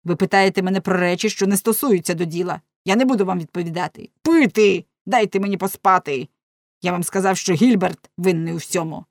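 A woman voicing a desperate nobleman prisoner who shouts and pleads frantically, in a dramatic audiobook reading. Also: fairly low pitch, steady tone, brisk, gravelly, few pauses, no echo, studio quality. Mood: frantic shouting.

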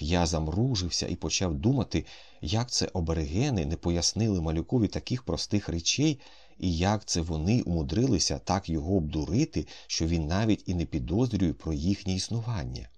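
A man reading a story aloud in expressive first-person narration. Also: low-pitched. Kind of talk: audiobook narration.

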